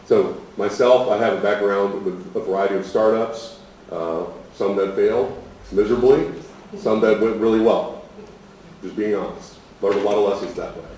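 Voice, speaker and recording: A warm, lowish male voice at normal speed: an American instructor kicking off a programme with an easygoing, plain-spoken talk that's often self-deprecating. The recording has room echo, a far-off mic, and slight noise.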